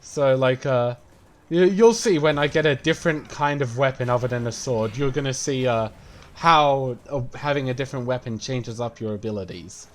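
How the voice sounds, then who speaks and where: Talking at a normal speed in a mid-range voice, a man offers gameplay commentary while playing, explaining things loosely with plenty of rambling and cursing.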